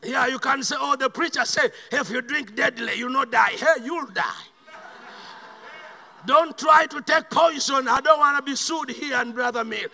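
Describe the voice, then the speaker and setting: A Ugandan man preaches a sermon in a Ugandan accent, swinging between loud, shouted bursts and quiet, slow asides. His voice is extremely high with vocal fry, trailed by a long reverb tail.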